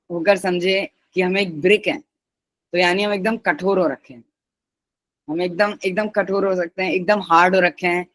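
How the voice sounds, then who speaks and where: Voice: medium pitch, fairly bright tone, no echo, poor audio. A teacher giving a patient live online class who repeats each key word and its synonyms and mixes in English words.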